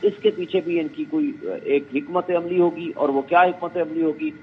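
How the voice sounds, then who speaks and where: A man speaking as a guest lawyer on a phone-in interview, making measured arguments and quoting others. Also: on the high side, fairly even intonation, slight background noise. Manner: measured legal arguing, quotes others. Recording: tinny phone line with faint music.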